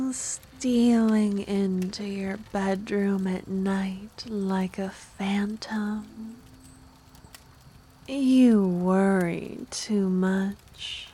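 Ancient, seductive vampire woman, very slow ASMR role-play, acted by a woman. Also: medium pitch, dark tone, slight background noise. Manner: slow, intimate, teasing, drawn-out delivery. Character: ancient seductive possessive female vampire, sly and menacing.

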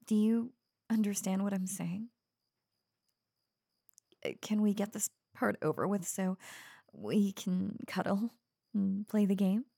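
A young woman voicing an obsessive young streamer who speaks softly and coaxingly to the listener, with nervous giggles. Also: medium pitch, slow, creaky, pauses often, no room sound, clean studio sound. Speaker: voice actor in an audio roleplay. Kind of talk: audio roleplay addressed to the listener.

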